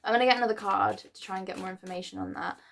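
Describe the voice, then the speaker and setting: A woman's voice: mid-range voice, steady tone, very fast, vocal fry, a bit bright, slight background noise. Chatty woman doing a tarot reading. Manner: chatty and rambling, with many fillers and restarts. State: clearing her throat now and then. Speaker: tarot reader. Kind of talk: casual tarot reading for a star sign.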